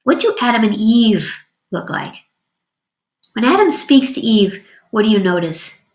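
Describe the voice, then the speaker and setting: A woman's voice: fairly high pitch, very animated, a little slow, roomy sound. Enthusiastic woman lecturing on poetry. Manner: enthusiastic, explanatory, with frequent um and uh. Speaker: literature professor. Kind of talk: recorded online lecture.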